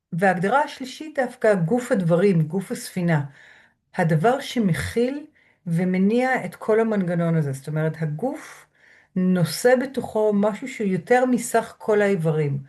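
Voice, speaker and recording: A woman lecturer speaking from home through a computer mic, guiding listeners through a grounding exercise in a slow, measured way with soft pauses. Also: mid-range voice, animated. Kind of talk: calm guided lecture. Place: home room.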